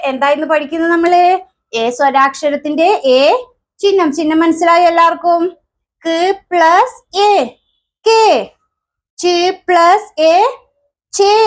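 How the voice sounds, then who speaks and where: A woman with a Keralan Malayalam accent teaches children their alphabet in a high voice. She asks question after question and answers them herself, slowly drawing out the sound of each letter.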